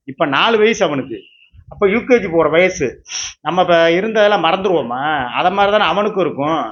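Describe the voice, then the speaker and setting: A man's voice: on the high side, fairly bright tone, highs cut off. A man in his fifties, tearful, talks in a rambling, repetitive way as he pleads with his viewers in an emotional vlog monologue. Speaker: YouTube entertainer.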